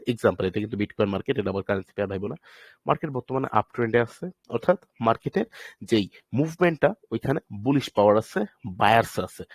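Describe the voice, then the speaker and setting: A man's voice: medium pitch, a little mellow, no room sound. A man, from Bangladesh, teaches a trading course in a live online class, explaining patiently, asking and answering his own questions, and mixing in English phrases.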